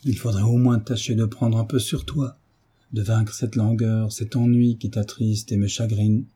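A man reading a novel aloud, voicing a gentle mother who pleads tenderly but stays firm with her son. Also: lowish voice, level tone, normal speed, slightly rough.

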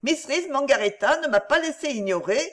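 A woman reading an audiobook, voicing a tearful, earnest young woman who pleads in a high, breathless voice. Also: expressive, fairly quick. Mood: tearful pleading.

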